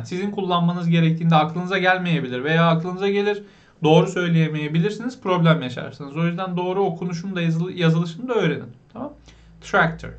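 A man teaching basic English vocabulary, explaining patiently, asking learners questions and pronouncing words slowly. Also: high voice. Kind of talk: vocabulary lesson.

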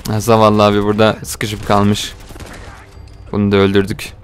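A young man giving casual, joking gameplay commentary, talking to viewers and getting excited during the action. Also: lowish voice, normal speed, a little hiss or hum. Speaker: gaming video host.

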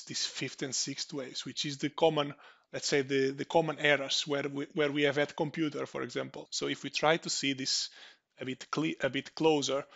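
Portuguese-accented man with a gravelly voice. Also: mid-range voice, fairly bright tone, dull audio. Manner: hesitant, many restarts and fillers. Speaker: conference speaker. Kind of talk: online conference presentation.

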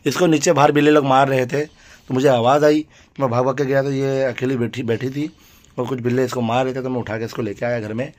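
A man's voice: mid-range voice, steady tone, fairly quick. Male vlogger, chatty home-video host, coaxing manner. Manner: chatty, coaxing a pet cat. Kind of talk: casual family vlog chat.

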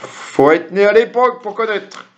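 A middle-aged man with a high-pitched voice, speaking at normal speed, hosts a quiz to camera, reading out questions with jokey, chatty asides to viewers. He's in a small room at home using a webcam or desk computer mic, and the sound is dull and lo-fi.

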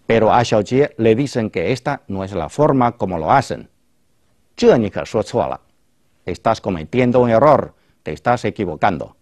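A man hosting a language lesson, calmly explaining phrases and translating them. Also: medium pitch, no echo, clean studio sound. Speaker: language teacher and host. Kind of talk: explaining Chinese to a Spanish-speaking audience.

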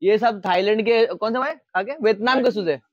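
Fast-talking high-voiced shopkeeper man. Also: dry recording, highs cut off. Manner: fast, joking salesman talk. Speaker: shop owner showing shoes. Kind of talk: lively sales pitch. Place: indoor shoe shop.

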